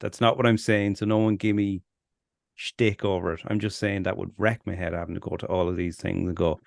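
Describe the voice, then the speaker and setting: A man's voice: deep voice, flat delivery, fairly quick, gravelly, dry recording, studio quality. An Irish man co-hosting a podcast, chatting casually in a rambling way, laughing and swearing often. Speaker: podcast co-host. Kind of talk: casual chat.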